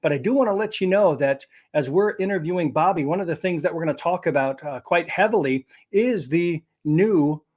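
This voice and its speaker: A man's voice: on the high side, darkish tone. Upbeat man hosting a live interview. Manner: upbeat, promotional presenting. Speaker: host.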